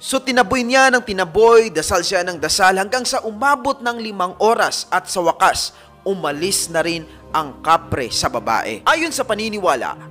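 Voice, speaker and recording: A man's voice: high-pitched, bright, forceful tone. A man narrating a supernatural tale and speaking directly to his listeners as a group. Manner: addresses listeners as a fan group, dramatic retelling. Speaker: narrator of a paranormal story channel. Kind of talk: storytelling narration.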